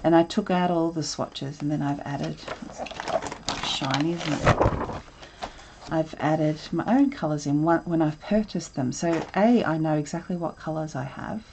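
This art instructor has a deep voice and a measured pace as she teaches a live drawing session from her home desk. Her talk is casual and rambling, full of ums and self-interruptions, with noise in the background.

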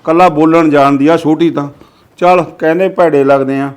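An older man playing a tired father-in-law who tries to calm his bickering daughters-in-law in a home comedy sketch. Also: on the high side, moderate pace, close to an everyday voice. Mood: grumbling. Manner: weary, placating, grumbling. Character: weary old father-in-law, tired peacemaker. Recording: echoey, distant, faint background noise.

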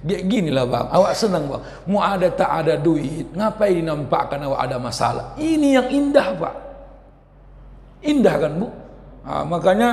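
A man preaching a lively sermon, loud and forceful, dropping into quiet asides and teasing the audience with questions. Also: high-pitched. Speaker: Islamic preacher. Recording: echoey hall reverb.

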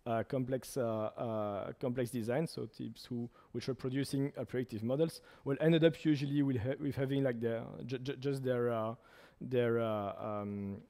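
Halting young man presenting in a reverberant hall. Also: mid-range voice, fairly even intonation, dark tone. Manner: halting, frequent uh fillers. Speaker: startup presenter. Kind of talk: meetup presentation.

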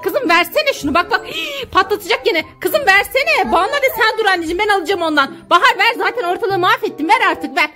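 High lively young Turkish mother. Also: fast, few pauses. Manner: scolding and pleading, switching to soothing. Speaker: mother filming her daughters. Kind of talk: family vlog, scolding and coaxing children.

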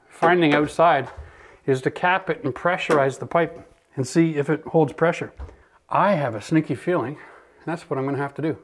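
A middle-aged man hosting a DIY renovation video, chatty and upbeat, explaining his work in a gutted bathroom. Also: fairly high pitch. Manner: upbeat, chatty, swears and laughs freely. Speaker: renovation channel host. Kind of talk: casual DIY walkthrough.

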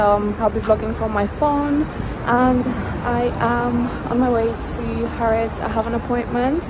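A woman's voice: fairly high pitch, background noise. A young woman chatting casually as she vlogs, recorded on a phone camera held at arm's length in a department store. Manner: chatty, gushing, fillers like um. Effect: recorded on a handheld phone camera. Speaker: fashion vlogger. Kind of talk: casual vlog chat.

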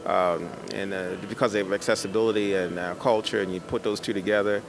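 Speaking into a handheld microphone amid the crowd noise of a busy convention-center art expo, a middle-aged male artist answers interview questions in a conversational way. He has a fairly low pitch, mostly even intonation, and talks a little fast.

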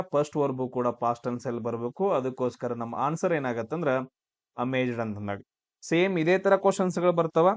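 A man's voice: fairly high pitch, dry recording, lo-fi sound. A man teaching exam grammar, asking and answering his own questions. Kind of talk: classroom-style grammar lesson.

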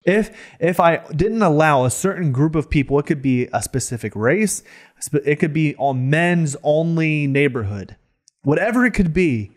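A man's voice: fairly high pitch, animated, normal speed. A man in his thirties co-hosting a casual reaction podcast, opinionated and fond of rhetorical questions, close on a studio mic. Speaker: podcast co-host. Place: small foam-treated studio. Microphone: close studio microphone on boom arm.

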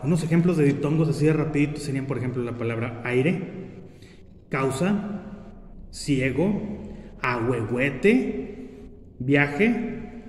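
A man's voice: a little high, darkish tone. A male teacher giving a spelling lesson, patiently repeating examples and checking in with "¿ok?" between points. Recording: echoey room with long reverb.

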